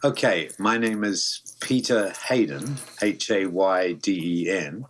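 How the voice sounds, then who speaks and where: Speaking slowly in a low voice, this New Zealand voice actor in his seventies rambles through his interview answers, thoughtful and frequently starting over. His home studio mic picks up a faint hiss or hum.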